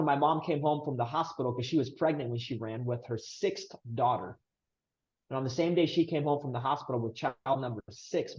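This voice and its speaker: A Romanian man in his thirties, guesting on a podcast, earnestly recounts his family story with emphatic delivery in casual interview style. His mid-range voice has a darkish tone, and the recording sounds muffled.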